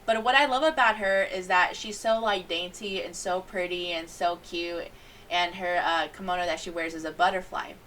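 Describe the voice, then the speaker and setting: A young woman reviews an anime in a loose, rambling vlog style, giggling as she goes. Her voice is bright and sharp. She sits a little away from the microphone, so she sounds slightly distant. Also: lowish voice, normal speed, a little hiss or hum. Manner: rambling, animated, giggly storytelling.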